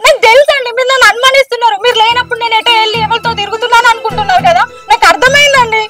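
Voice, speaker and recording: A woman's voice: very high-pitched, racing. A woman acting a suspicious, touchy young wife in a short film, accusing and tearful. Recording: distant mic, loud music underneath.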